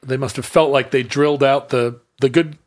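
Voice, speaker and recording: A man's voice: medium pitch, steady tone, normal speed. Wry American man telling stories on a podcast. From Alaska, United States. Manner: wry, storytelling, quips. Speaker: podcast co-host. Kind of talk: casual chat.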